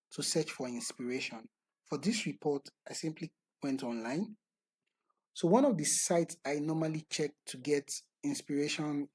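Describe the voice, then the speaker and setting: A man talking through a screen-recorded software tutorial step by step, in a methodical way. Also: mid-range voice, breathy edge, no room sound, poor audio. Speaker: tutorial instructor.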